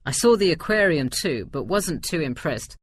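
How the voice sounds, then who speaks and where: A man with a slightly high, very animated voice speaks at a moderate pace, a bit rough, in clean studio sound with no room echo. He plays an easygoing forty-one-year-old tourist answering a survey in a scripted listening-test dialogue, giving agreeable, explanatory replies.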